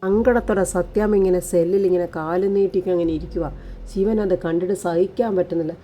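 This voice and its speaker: A woman's voice: on the low side, steady tone, fast talker, warm tone, a little hiss or hum. A woman narrating a TV serial episode in a casual, colloquial storytelling way, reading out the characters' lines. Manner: colloquial, retells scenes and reads out dialogue.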